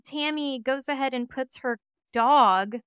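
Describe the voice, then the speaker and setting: Woman co-hosting a true crime show, kinda high voice, smooth, dry close mic, animated storytelling. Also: unhurried, dry recording. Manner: animated retelling, acts out quoted witnesses. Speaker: true crime podcast co-host. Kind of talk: casual storytelling.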